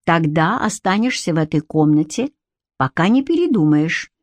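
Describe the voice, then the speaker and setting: In a very animated, lower-pitched voice at normal speed, a woman plays a cold Viking warrior who cynically and curtly commands his captive. The recording has no echo.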